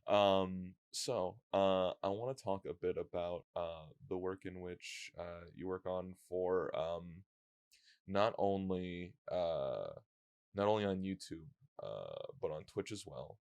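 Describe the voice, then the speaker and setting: Deep-voiced man hosting with halting speech. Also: a little mellow, clear, resonant tone, no echo, clean studio sound. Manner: rambling, halting, many fillers and restarts. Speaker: podcast host. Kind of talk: casual interview chat.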